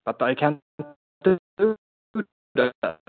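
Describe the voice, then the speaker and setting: A man sharing earnestly at a support meeting over a crackly phone line that fades in and out. He talks haltingly, with many restarts. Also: mid-range voice, very animated. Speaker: member sharing at a recovery meeting. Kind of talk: personal share in a support meeting. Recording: tinny, narrow phone line.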